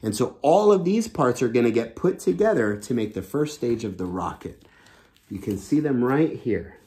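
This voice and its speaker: Indoors in a small home room, a man in his thirties gives an animated read-aloud of a children's book, adding simple, enthusiastic explanations. He has a mellow, mid-range voice with a lively delivery at moderate speed.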